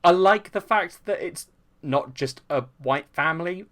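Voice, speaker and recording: A man co-hosting a casual film podcast, animated and prone to imitating sound effects, swearing freely. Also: a little high, measured pace. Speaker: podcast co-host.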